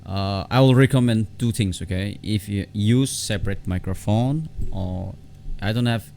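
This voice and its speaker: A tech tutorial vlogger with a very deep voice and heavy vocal fry walks viewers through software step by step. He speaks informally and haltingly, often repeating words and phrases, recorded at home on a close desktop condenser mic with faint background noise.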